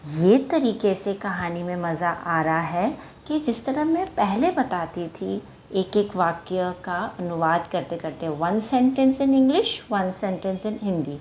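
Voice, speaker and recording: Animated woman telling a kids' story. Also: mid-range voice, slight background noise. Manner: animated, asks children questions. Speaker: children's storyteller. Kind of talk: storytelling to children.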